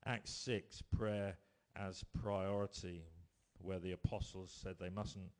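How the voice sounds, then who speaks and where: Male preacher, lowish voice, storytelling sermon, swings from bold to hushed. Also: flat delivery, slow pace. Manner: storytelling, rising to emphatic bursts then dropping quiet.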